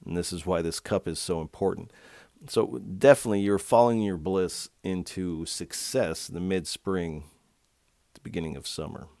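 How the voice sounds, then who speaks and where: A man with a very low voice gives a tarot card reading. He speaks gently and reflectively, addressing the listener directly. The sound is dry and close, with no room echo. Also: normal speed. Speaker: tarot reader.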